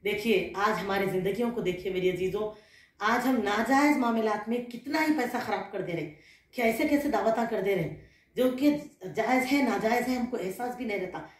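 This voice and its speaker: A woman's voice: mid-range voice, moderate pace. A woman religious scholar giving an earnest sermon to women, often putting questions to her listeners. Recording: roomy echo.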